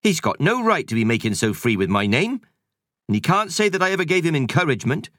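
A man voicing a bustling, good-humoured middle-aged cleaning woman who fusses and is quick to take offence. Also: a little high, sing-song, a bit bright, dry recording, studio quality, pitched above the performer's own voice. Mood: indignant. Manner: brisk, fussing, easily affronted.

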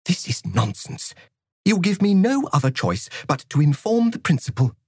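A woman's voice: lowish voice, very animated, normal speed, darkish tone, slightly rough, dry recording, clean studio sound, pitched above the performer's own voice, full character voice. A man voicing a cold, cruel female assistant principal who speaks in an icy, whispery, clipped manner. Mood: indignant. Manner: clipped, menacing.

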